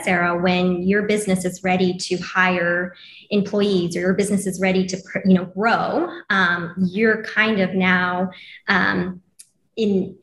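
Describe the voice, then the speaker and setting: A woman with a fairly low voice explains her points hesitantly, pausing often to search for words. She sounds like she is in an echoey room, with a faint hiss under her voice. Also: fairly bright tone. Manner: hesitant, many fillers. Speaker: attorney, podcast guest. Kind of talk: casual interview.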